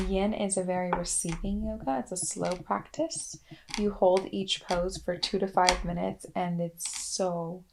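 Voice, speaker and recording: A young woman telling a personal story in a casual, chatty way, full of "like" and "um", with soft asides. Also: lowish voice, slight background noise. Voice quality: creaky fry voice. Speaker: wellness vlogger.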